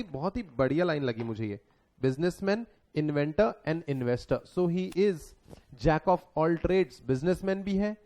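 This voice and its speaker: A young Indian man giving a relaxed classroom lecture that mixes Hindi and English, asking his students questions and answering them himself. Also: fairly high pitch. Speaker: exam lecturer.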